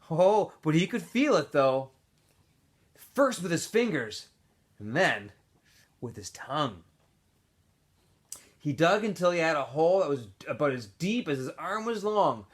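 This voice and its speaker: Reading a novel to his students, an adult teacher performs it expressively, his voice sitting high. He drops in small asides and corrects himself now and then.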